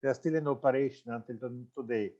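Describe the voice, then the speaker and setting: Giving a presentation seminar, this franchise consultant, an older Austrian man in his 60s, speaks in a mellow, medium-pitched voice with the highs cut off. He talks loosely and haltingly, correcting himself and using lots of fillers.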